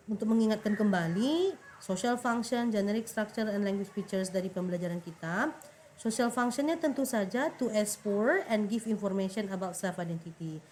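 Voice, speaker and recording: An Indonesian-accented woman teaches an English lesson, switching between languages and drilling each word slowly and clearly. Her voice sits at a middling pitch. A faint hiss runs under the recording. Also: a little mellow. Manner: slow careful word-by-word pronunciation drills. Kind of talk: bilingual classroom lesson.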